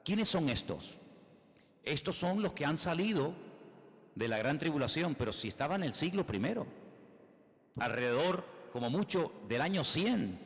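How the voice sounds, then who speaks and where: A man's voice: on the high side, big pitch swings, moderate pace, long reverb tail. A man with a Spain Spanish accent preaching a sermon as a pastor, emphatic, full of rhetorical questions and repeated phrases.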